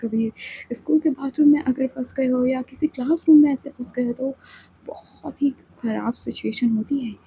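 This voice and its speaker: A woman narrates a storybook romance in a chatty way and turns to address the listener now and then. Her pitch sits high, yet the tone is dark and mellow. She speaks plainly and casually. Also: moderate pace, creaky, a little hiss or hum, rough recording.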